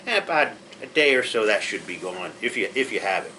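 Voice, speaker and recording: A man's voice: on the low side, very animated, a little fast, sharp tone, a little hiss or hum, poor audio. A man teaching a pre-surgery class, explaining things in a plainspoken, reassuring way with frequent restarts. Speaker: patient educator.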